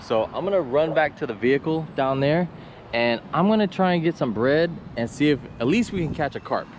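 Wind and traffic run through the action-camera audio as a man in his thirties vlogs his fishing trip by a canal, occasionally from a car. His voice sits on the high side and moves briskly; he's excited and talkative, coaching viewers casually, and drops to a hush when stalking fish.

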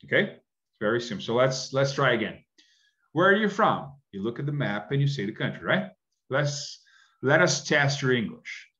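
A man's voice: mid-range voice, sing-song, moderate pace, a bit bright. A middle-aged man teaches an online English class from home. His voice rises and falls a great deal. It comes through a dull, lo-fi webcam recording. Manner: explanatory, often checks with "right?".

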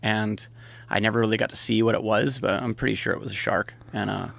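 Lowish gravelly guy from hawaii rambling on a podcast, lots of um and you know. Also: steady tone, fast, fairly bright tone. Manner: rambling, many restarts and fillers. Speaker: podcast guest. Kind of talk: casual chat.

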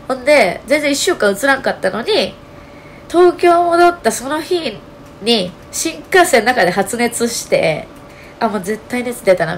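A woman with a Kansai accent talking casually to her channel, her voice hoarse and nasal, telling her story with lots of fillers. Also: mid-range voice, slight background noise. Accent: Kansai Japanese. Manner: chatty, animated storytelling with many fillers. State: hoarse, strained voice. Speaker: channel host. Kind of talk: casual solo vlog talk.

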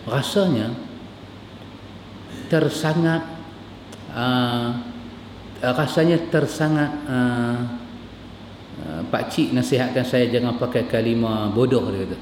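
A Malaysian man preaching a sermon as a religious teacher, his voice climbing with emotion and slowing to recite Arabic. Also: darkish tone. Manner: impassioned, pitch climbing as he retells scenes, Arabic recited slowly. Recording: echoey hall with long reverb, faint room noise.

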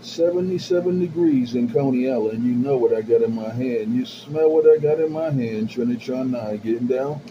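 A man chatting over a CB radio channel from his base station. His voice comes through muffled and lo-fi, with loud static hissing behind it. He keeps circling back to the same rhythmic call-outs and sign-offs. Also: mid-range voice, moderate pace, few pauses. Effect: CB radio transmission. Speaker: CB radio operator.

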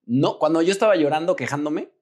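A man in his thirties with a Mexican accent, talking casually as an interview guest and acting out his own thoughts in a lively, slangy way. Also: fairly high pitch, quick pace. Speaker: actor and guest.

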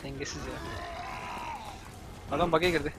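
A young Turkish man doing let's-play commentary, yelling and cursing at the game in exasperation. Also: a little high, steady tone, normal speed. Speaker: gameplay commentator.

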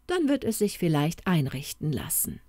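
A woman voicing a kindly, wealthy middle-aged uncle who speaks calmly and reassuringly in an audiobook. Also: sits low, normal speed, no echo. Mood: gentle.

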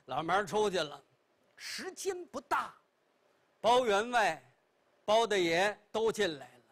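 Male storyteller, high voice, lively pitch, slow, chatty asides. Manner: leisurely, chatty asides, wide expressive pitch. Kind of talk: traditional pingshu storytelling. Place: television studio stage.

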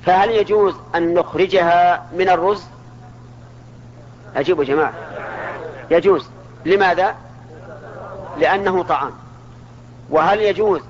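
A man teaching a religious lesson, asking his listeners questions and answering them himself. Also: high voice. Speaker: Islamic scholar teaching. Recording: dull lo-fi archival recording.

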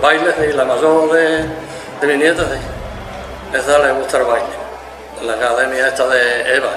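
An older Spanish grandfather, an amateur musician being interviewed, casually recalls the past to camera while seated in an indoor room. His medium-pitched, level voice is halting and repetitive, with simple phrasing, and the echoey recording has music underneath.

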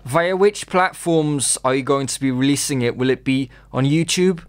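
Host asking measured questions, smooth clear voice, dry sound. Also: male voice, mid-range voice, no echo. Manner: measured, formal phrasing. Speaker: interview host. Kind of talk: scripted interview questions.

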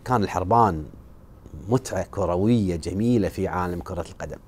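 Low-voiced sports presenter. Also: male voice, a little fast, husky. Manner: storytelling, relaxed, fond of old matches. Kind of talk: presenting football highlights.

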